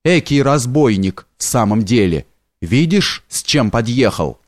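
A fiery old grey-haired fisherman, as a male narrator plays him who scolds the young and rails at a stranger. His delivery is agitated and stern, mid-pitched and dry, recorded up close. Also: very animated, unhurried, no echo. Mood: angry.

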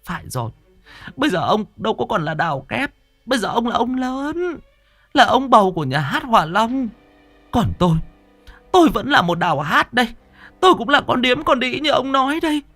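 High, wailing middle-aged wife and ex-actress, begging and protesting, as a male narrator puts her on. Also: big pitch swings, a little fast, a bit bright, faint music behind, heavily acted. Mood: indignant.

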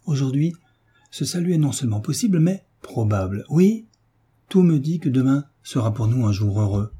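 A man reading aloud as a devoted gentleman, speaking with calm, earnest reassurance. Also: mid-range voice, moderate pace, breathy edge. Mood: reassuring.

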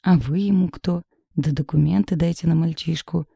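A woman's voice: low voice, moderate pace, vocal fry, dark tone, slightly rough, no echo, full character voice. A woman reading the part of a blunt, sarcastic young woman who works as a lawyer, in an audiobook. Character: sharp-tongued young woman lawyer friend.

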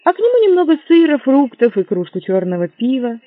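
A man voicing a flustered young gentleman, high and eager. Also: big pitch swings, moderate pace, no room sound. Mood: hopeful. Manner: eager, pleading, stammering. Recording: dry, tinny narrow-band audio.

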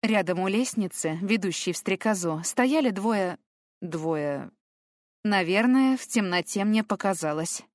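A woman narrates a first-person audiobook with tense, emotional delivery. Her voice sits in a middle pitch. The recording is dry and close. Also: lively intonation, moderate pace, hardly any pauses, no echo.

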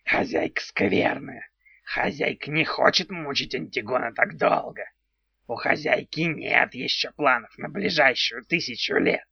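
Guy doing a weird slow little house spirit, gleeful and creepy, gravelly, kinda dull lo-fi sound. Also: mid-range voice, lively intonation, no echo, exaggerated voice. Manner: slow, odd, talks of himself in third person. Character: impish male house spirit, gleefully perverse. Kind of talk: audiobook character voice.

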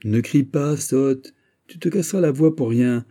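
A man with a husky voice voicing a lecherous noble prince who teases and coaxes, mocking and pushy, in an audiobook story. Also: mid-range voice, a little slow, mellow, voice pushed up, natural voice. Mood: smug, coaxing. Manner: smug, coaxing, teasing.

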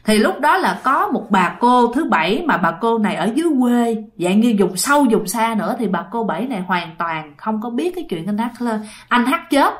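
A woman with a Southern Vietnamese accent hosts a show of true ghost tales. Her fairly high voice runs on in a relaxed, chatty flow, and she keeps turning to speak to her listeners. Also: moderate pace, few pauses. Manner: chatty, addresses listeners directly. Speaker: storyteller host.

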